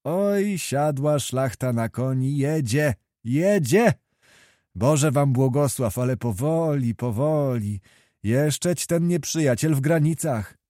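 A man voicing an elderly, kindly churchman who chuckles and gently cautions, in a read-aloud historical novel. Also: medium pitch, expressive, slow pace, dry recording, studio quality. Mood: amused. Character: elderly kindly male primate, laughing.

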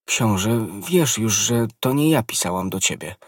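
A man voicing a proud young queen in an audiobook reading, earnest and guarded, with a slightly husky tone. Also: on the low side, animated, no echo, clean studio sound. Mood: stern. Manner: earnest pleading, quickening when urgent.

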